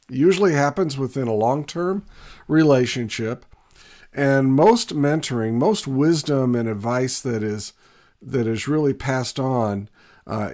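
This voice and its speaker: Still getting over a cold, a man with a raspy, ordinary mid-range voice gives a scripted teaching talk to camera. He teaches steadily and earnestly, often pausing to think.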